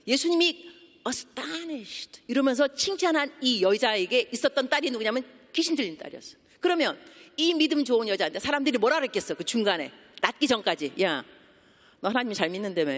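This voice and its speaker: Woman, missionary preacher, sermon, asks the congregation questions, English words mixed in, long hall reverb. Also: a little high. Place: church sanctuary.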